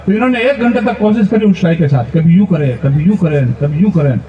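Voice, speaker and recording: High-voiced man telling comic stories. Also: a little fast. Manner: animated, mimics relatives in high squeals. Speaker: comedian poet. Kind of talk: stand-up comic storytelling. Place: large event stage. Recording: roomy far-off lo-fi stage recording.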